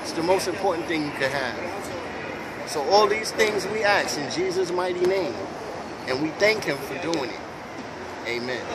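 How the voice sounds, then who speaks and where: A middle-aged man, from Brooklyn, leading a spoken prayer in a preacherly, measured way, recorded on a phone at night on a city sidewalk under an elevated train. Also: a little high, animated. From Brooklyn, New York. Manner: preacherly, measured, emphatic pauses. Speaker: prayer leader in an online group. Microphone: phone camera at arm's length. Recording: very loud passing train noise outdoors.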